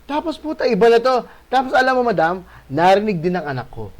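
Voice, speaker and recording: A male host telling a spooky encounter in a casual, animated way, swearing and adding tag questions. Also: high-pitched, a little fast. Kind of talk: casual storytelling of a ghost encounter.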